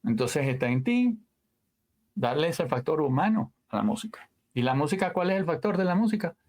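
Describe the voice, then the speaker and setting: A man, a guest audio engineer telling stories in a casual interview, animated and full of sound words and trailing asides. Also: fairly high pitch, normal speed.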